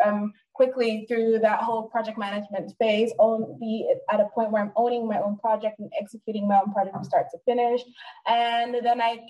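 An earnest young woman from Nigeria speaks as a guest on an interview podcast. Her voice sits fairly high, and she thinks aloud with frequent fillers. She sounds a little distant from the microphone. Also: lo-fi sound. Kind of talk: casual interview.

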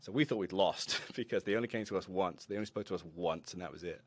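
A man who mentors a robotics team, a podcast guest telling animated, self-deprecating stories with frequent laughter. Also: low-pitched, fast, dry recording. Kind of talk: conversational interview storytelling.

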